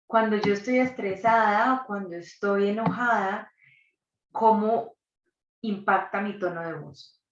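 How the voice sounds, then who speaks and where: A woman, a psychologist and doula, leading a live online workshop and asking the audience reflective questions. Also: medium pitch. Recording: distant, dull, roomy recording.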